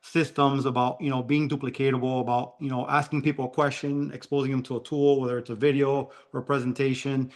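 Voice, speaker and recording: A man's voice: mid-range voice, level tone, quick pace, hardly any pauses. A man with a Cuban-American Miami accent telling his personal story as a guest on an online call, rambling with many fillers. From Miami, Florida. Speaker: guest speaker. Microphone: video call.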